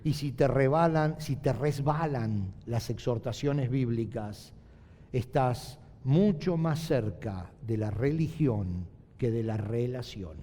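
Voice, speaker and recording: A middle-aged male pastor preaching a sermon, emphatic, repeating key phrases and slowing down to stress them. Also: mid-range voice, dark tone. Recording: long hall reverb.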